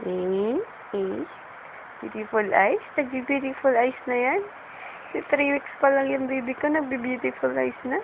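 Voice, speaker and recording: A woman's voice: high-pitched, fairly even intonation, gravelly. Cooing mother, lo-fi home video. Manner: cooing, sing-song, slow and soft. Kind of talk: baby talk to an infant. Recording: muffled phone-like home video with hiss.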